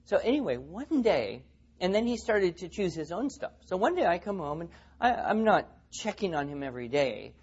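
Husky guy giving a seminar talk to teachers, acts out the stories, muffled lo-fi recording. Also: high voice, very animated, moderate pace, a little mellow. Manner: storytelling, acts out quotes.

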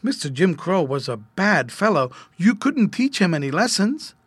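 A man's voice: high voice, big pitch swings, normal speed, breathy edge, no echo, pitched above the performer's own voice, heavily acted. A man voicing a kindly, fiery farmer toy man in a storybook, folksy and exclaiming. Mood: gentle.

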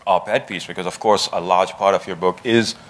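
A man interviewing a guest before an audience, hesitant and halting as he carefully builds long questions. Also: low voice, fairly even intonation. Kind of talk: conversational discussion before an audience.

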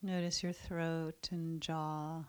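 A woman guides a mindfulness meditation in a soft, soothing voice. She speaks very slowly and leaves long pauses between phrases. Her voice sits a little low. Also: level tone, clean tone.

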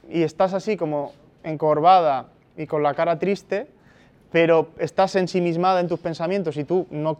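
A man with a higher-than-average, darkish voice gives a university lecture in a Spanish-from-Spain accent. He explains things step by step, frequently checking in with tag questions.

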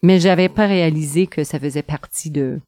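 A middle-aged woman from northern Ontario. She is a researcher answering interview questions, pausing often and using many fillers. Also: sits low, mellow, no echo. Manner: hesitant, many pauses and fillers.

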